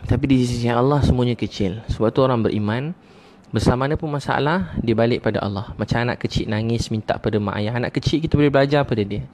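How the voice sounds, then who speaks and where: A man's voice: mid-range voice, fast, darkish tone. A middle-aged man preaching a sermon, who repeats his points, asks rhetorical questions and drops frequent "ha" interjections.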